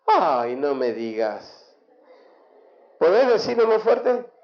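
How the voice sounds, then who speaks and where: An Argentine man preaches a sermon in a high voice, measured and unhurried. He speaks emphatically and draws responses from the congregation. The sound is dull and lo-fi, ringing in an echoey church hall. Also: very animated. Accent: Argentine Spanish. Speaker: pastor.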